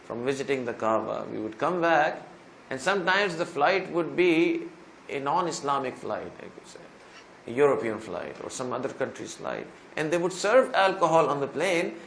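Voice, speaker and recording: A man's voice: medium pitch, sing-song, normal speed, vocal fry, fairly bright tone, slight background noise. A male preacher giving a sermon, retelling another man's story in the first person and rising to emphatic pleas at its peaks. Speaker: Islamic preacher.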